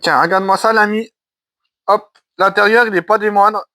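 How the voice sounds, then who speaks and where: High, bright-voiced jokey man. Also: steady tone, normal speed, dry recording. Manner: jokey, rambling, folksy banter with viewers. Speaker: YouTube film collector host. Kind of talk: casual unboxing vlog. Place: caravan at the end of a garden.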